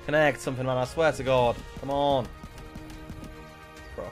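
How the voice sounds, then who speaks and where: A man's voice: medium pitch, fairly even intonation, normal speed. A man in his twenties giving casual, exasperated, complaining commentary as he streams online slots. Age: 20s. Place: indoor room at a streaming setup. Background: game music.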